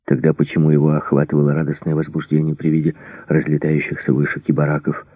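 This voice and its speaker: Man, very deep voice, husky, audiobook narration, steady, tinny narrow sound. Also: quick pace, dry recording. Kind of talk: scripted narration.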